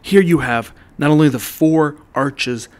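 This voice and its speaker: Calm male voice-over narrator. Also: fairly high pitch, a little slow. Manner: explanatory, walks the listener through ideas step by step. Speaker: narrator of an art history video.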